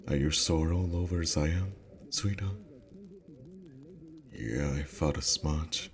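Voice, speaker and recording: A male actor plays a sweet, teasing boyfriend in an intimate ASMR roleplay, using an exaggerated, extremely deep voice with a soft, unhurried delivery. He sounds relaxed and weary, and background music plays underneath.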